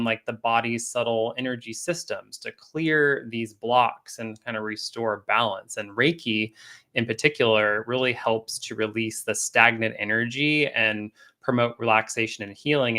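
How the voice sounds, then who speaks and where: A man speaking as a guest coach in a casual live-stream interview, relaxed, with many fillers and restarts. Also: medium pitch. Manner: laughs often. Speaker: guest coach and energy healer.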